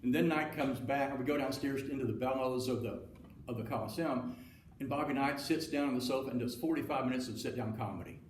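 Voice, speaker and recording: A man's voice: medium pitch, quick pace. Guy telling a story at a seminar, echoey room, mic kinda far. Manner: folksy, anecdotal, acts out quoted dialogue. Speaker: seminar speaker. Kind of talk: storytelling talk to an audience. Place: meeting room with audience. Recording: roomy room, speaker far from mic, faint noise.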